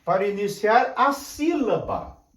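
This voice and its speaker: An older man teaching at a whiteboard, explaining slowly and repeating each point while checking that his students follow. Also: sits high, expressive, distant mic. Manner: slow, repetitive, drawn-out explaining with frequent checks. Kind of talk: classroom lecture at a whiteboard. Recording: echoey room.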